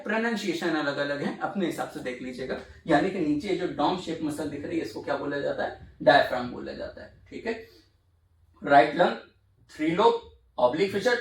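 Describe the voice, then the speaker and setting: A man's voice: high-pitched, a bit bright, reverberant, far from the mic. A man teaching a biology lesson, explaining step by step and asking his students questions as he goes. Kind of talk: classroom science lesson.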